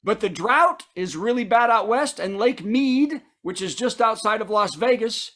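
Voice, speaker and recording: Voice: medium pitch, expressive, unhurried, a bit bright. A comedy host delivering a punchy late-night style monologue, setting up news items and punchlines with asides to the audience.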